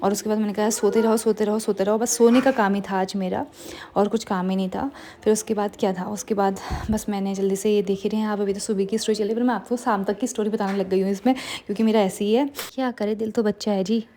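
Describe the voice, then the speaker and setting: A woman vlogger telling her day in a rambling, self-amused way, sleepy and low on energy. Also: fairly even intonation, fast, dark tone, a little hiss or hum. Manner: rambling, self-amused storytelling with many fillers. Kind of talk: casual chatty vlog narration.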